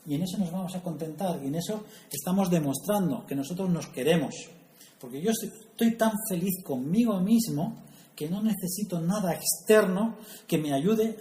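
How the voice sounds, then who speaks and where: A man's voice: fairly high pitch, mellow, a little hiss or hum. A man preaching a sermon in a conversational way, asking the audience questions and adding humorous asides. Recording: echoey room, faint ambience.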